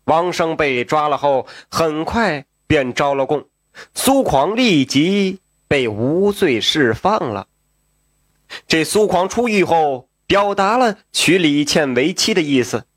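Animated male storyteller, lively pitch. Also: takes it slowly, dry recording, clean studio sound. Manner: animated, asides to the listener. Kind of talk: traditional storytelling narration.

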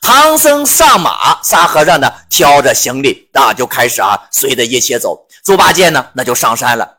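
A man's voice: medium pitch, sing-song, normal speed, sharp tone, husky. A man retelling a classic novel chapter with casual, joking asides to listeners. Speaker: storyteller.

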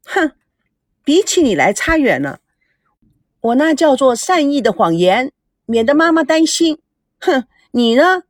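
A woman voicing a sharp-tongued, jealous young wife who needles and teases in a radio story. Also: sits high, very animated, a little slow, pauses often, no echo, studio quality, pitched above the performer's own voice. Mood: needling. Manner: teasing, needling.

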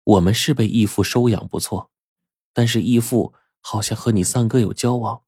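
A man voicing a gentle, earnest young woman who speaks softly. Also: fairly low pitch, normal speed, slightly rough, dry recording, clean studio sound, pitched above the performer's own voice. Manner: soft-spoken, earnest.

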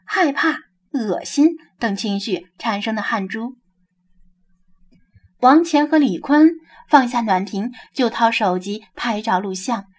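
A woman with a fairly high voice reads a novel aloud as scripted narration. Her delivery is steady and storytelling. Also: husky. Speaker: audiobook narrator.

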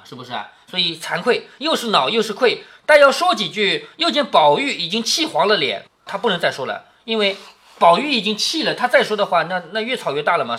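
Lively, bright-voiced father explaining a story. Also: high voice. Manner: keeps asking tag questions like "isn't it?" to check understanding; reads quoted lines with a raised, acted lilt. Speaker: father reading a classic novel to his daughter. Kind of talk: reading aloud and explaining the text.

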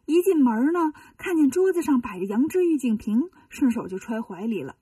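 A woman narrating a children's story in a lively, folksy way. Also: high-pitched, moderate pace, husky, no room sound, recorded from a distance.

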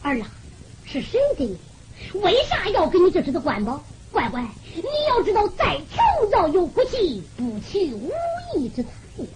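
A woman's voice: very high-pitched, huge pitch swings, normal speed, noisy background, exaggerated voice. A woman voicing a poor, blind, elderly mother who frets and weeps, speaking with a Henan accent in a sobbing, sing-song storytelling manner. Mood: stern.

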